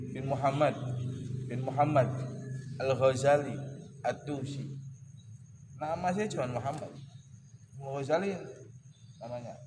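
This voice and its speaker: Guy teaching a laid-back religious study class, jokey, keeps clearing his throat, echoey hall with birds outside. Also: medium pitch, noisy background. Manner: joking, teasing, conversational, clears throat often. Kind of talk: casual weekly religious study talk. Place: boarding school study hall.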